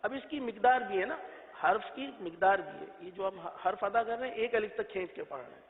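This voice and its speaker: Male recitation teacher, high voice, drawn-out sung letters, thin tinny audio. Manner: asks and answers his own questions. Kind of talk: patient spoken lesson. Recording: tinny phone-like echoey audio.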